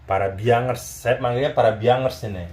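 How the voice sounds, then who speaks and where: A man's voice: medium pitch, normal speed, a little mellow, a little hiss or hum. A man hosting a casual chat interview, talking in a teasing, chatty way and often seeking agreement. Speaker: YouTube channel host.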